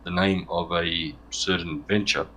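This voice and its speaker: A man with a fairly low voice talks as a guest in a relaxed online interview. He rambles, restarts his sentences and drops in dry jokes. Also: a little slow. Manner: rambling, joking, self-correcting. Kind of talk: casual interview chat.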